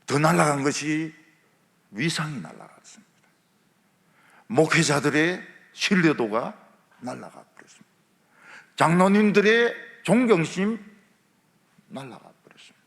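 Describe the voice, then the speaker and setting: Male revival preacher, wildly expressive delivery, long church hall reverb. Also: fairly high pitch, measured pace, gravelly, pauses often. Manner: lively preaching with rhetorical questions and humor. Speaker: pastor. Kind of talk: revival sermon. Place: large church sanctuary.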